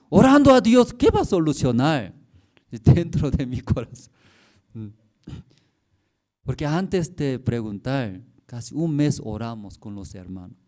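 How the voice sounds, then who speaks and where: A man preaching as a pastor in simple, halting Spanish, telling stories and checking in with the congregation. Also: mid-range voice. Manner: tells stories, acting out dialogue with sudden loud outbursts. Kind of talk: sermon.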